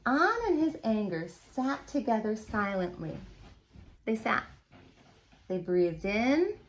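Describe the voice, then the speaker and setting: A woman's voice: on the high side, very animated, slow pace, a little hiss or hum. A woman and preschool teacher reading a children's story aloud expressively and asking the listeners questions.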